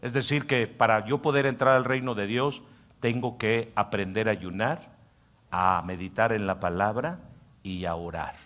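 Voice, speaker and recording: A man preaching a sermon as pastor, swinging from loud, emphatic lines to soft muttered asides where he acts out a tempting inner voice. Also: lowish voice, moderate pace. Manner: acts out the inner voice in quiet mocking tones.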